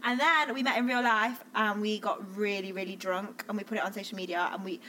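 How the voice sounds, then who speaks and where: A woman's voice: medium pitch, steady tone, a little fast, crowd noise, rough recording. Chatty woman co-hosting a podcast. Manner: chatty, fills speech with "like". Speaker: podcast co-host. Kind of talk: casual chat.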